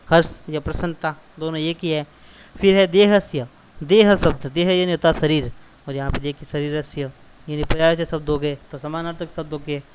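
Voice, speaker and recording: A man's voice: a little high, a little hiss or hum. Patient male teacher explaining word by word. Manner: repeats and glosses each word, patient step-by-step explaining. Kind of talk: explaining textbook exercises to schoolchildren.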